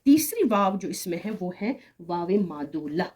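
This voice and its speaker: A woman's voice: lowish voice, very animated, a little slow, darkish tone. A woman teaching an online grammar lesson, explaining step by step, repeating example words and checking "right?" as she goes.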